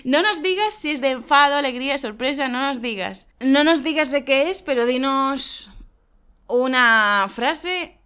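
A woman from Spain, co-hosting a lesson and explaining slang to learners in a lively, emphatic way. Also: high voice, a little slow. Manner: lively, emphatic, laughs often. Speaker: Spanish teacher and co-host.

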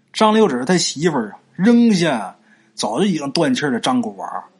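Husky storyteller man. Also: fairly high pitch. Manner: chatty, asks and answers his own rhetorical questions; frequent drawn-out particles like 啊 and 呀. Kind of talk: serialized ghost story narration.

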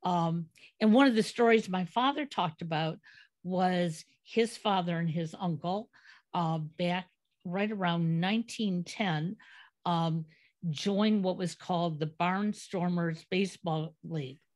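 A woman's voice: on the low side, slow pace, a little mellow. A middle-aged woman hosting a podcast interview, reminiscing and telling family anecdotes. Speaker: podcast host.

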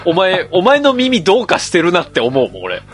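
A man from Mie co-hosting a podcast in casual chat, animated and laughing as he complains. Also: high-pitched, a little fast, husky. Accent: Kansai-leaning Mie dialect. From Mie, Japan. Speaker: podcast co-host.

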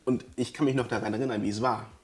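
A man's voice: medium pitch, fairly even intonation, racing. A man in a casual motivational podcast chat, explaining ideas step by step and checking in often. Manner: explanatory, checks in with frequent "ne?", acts out quoted voices. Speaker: podcast co-host.

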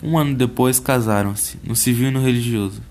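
A man's voice: medium pitch, brisk, a little mellow. A man with a Brazilian accent, a podcast host reading a short story aloud in a casual way, who curses at his own slips. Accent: Brazilian Portuguese.

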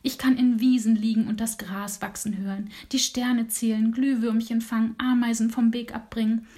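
A woman voicing a restless little male dormouse in a bedtime storybook, with a higher, eager childlike voice. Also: little pitch movement, moderate pace, mellow, close to an everyday voice. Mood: dreamy.

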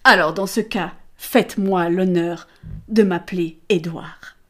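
A woman voicing a greedy, pompous rich businessman in an audiobook, speaking slowly and smugly. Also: on the low side, steady tone, a bit bright. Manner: slow, smug and self-important. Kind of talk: audiobook character voice.

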